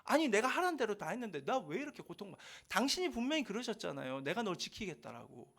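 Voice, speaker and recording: A man's voice: high voice, sing-song, quick pace, vocal fry, fairly bright tone, heavily acted. A man voicing an anguished male prophet who pleads and accuses God in an emotional outpouring, over a video call. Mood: anguished protest.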